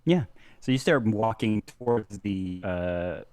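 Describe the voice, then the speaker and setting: A man narrating a tabletop game as game master, halting with many restarts and frequent laughter. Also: on the low side, expressive, darkish tone, smooth, no room sound.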